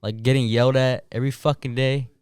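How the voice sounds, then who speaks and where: A man's voice: mid-range voice, level tone, fast talker, a little mellow, smooth, no room sound. A man who is a Marine veteran and a podcast guest, talking casually in an earnest, reflective way. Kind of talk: casual chat.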